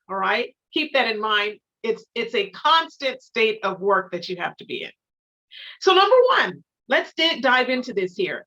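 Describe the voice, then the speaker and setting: A woman giving an instructional lecture as an etiquette teacher, measured and emphatic, repeating her key phrases. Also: on the high side, sharp tone, low-quality recording.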